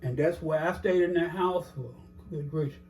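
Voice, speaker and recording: A man's voice: on the high side, normal speed, a little mellow, soft background music, poor audio. An older man telling his life story in a casual interview, rambling with many "you know"s and acting out the dialogue he recalls.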